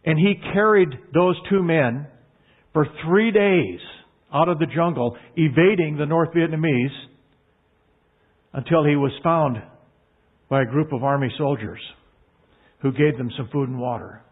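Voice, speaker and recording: A man's voice: fairly high pitch, husky. A man preaching a sermon in an earnest, emphatic way, leaning hard on key words. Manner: earnest, emphatic, drawn-out stresses. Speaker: pastor. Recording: tinny phone-like line.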